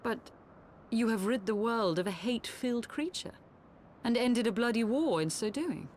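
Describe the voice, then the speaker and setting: A fairly high female voice for a solemn, remorseful idealist, played by a woman in a fantasy game. She speaks formally and earnestly over faint background noise. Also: lively intonation, darkish tone, natural voice. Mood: somber, remorseful. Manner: earnest, formal, measured speech. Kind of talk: dramatic video game acting.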